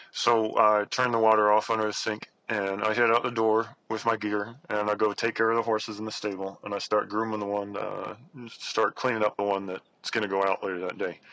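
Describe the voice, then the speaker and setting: Guy w his jaw wired shut telling a story, talks thru his teeth, halting, real dry close sound. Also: fairly low pitch, bright, forceful tone, dry recording, rough recording. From Arizona, United States. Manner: halting, repeats words. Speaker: caller telling a personal story. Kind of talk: casual first-person storytelling.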